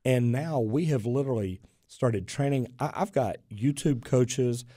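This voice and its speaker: As a plumber invited onto a radio talk show, the man swaps stories in a relaxed chat, gesturing and animated as he talks. His mid-range voice moves at a measured pace. The recording from the indoor radio studio is dry and clean, picked up by a studio boom mic, with him wearing headphones.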